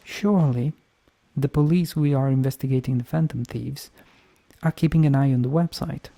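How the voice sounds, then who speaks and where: A man's voice: mid-range voice, normal speed, creaky, warm tone. A man giving casual game playthrough commentary, arguing his points and repeating them for emphasis. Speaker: video game streamer.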